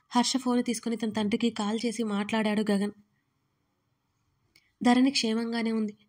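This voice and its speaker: A woman narrating a dramatic story in an expressive, measured reading style for her channel. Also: on the high side.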